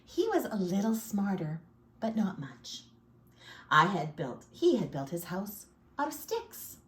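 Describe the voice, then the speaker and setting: A woman's voice: medium pitch, big pitch swings, measured pace, a bit bright. A woman voicing a chatty, self-pitying male wolf who tells his own side of a storybook tale with folksy, theatrical flair. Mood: sly, aggrieved. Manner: folksy, sly, theatrical sneezes. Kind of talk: storybook read-aloud. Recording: echoey room.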